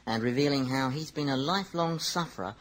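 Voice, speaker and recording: A man's voice: mid-range voice, fairly quick, a bit bright, rough recording. A man co-hosting a comedy radio show in a dry, unimpressed manner. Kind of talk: scripted comedy sketch.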